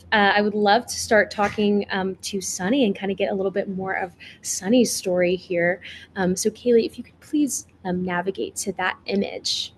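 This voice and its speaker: A woman's voice: medium pitch, a little hiss or hum. Upbeat woman moderating a video panel. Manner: upbeat, filler-heavy moderating. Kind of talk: virtual panel discussion. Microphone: video call.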